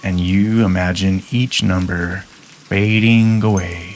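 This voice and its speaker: A man guiding a listener through a hypnosis induction in a soft, calm, measured way with long pauses. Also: low voice, slight background noise.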